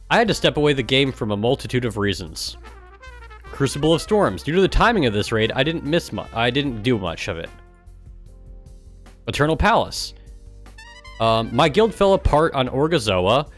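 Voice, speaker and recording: A man who streams and belongs to a gaming guild reads aloud casually, adding sarcastic, exasperated commentary with swearing. His voice is mid-range with a fairly bright tone.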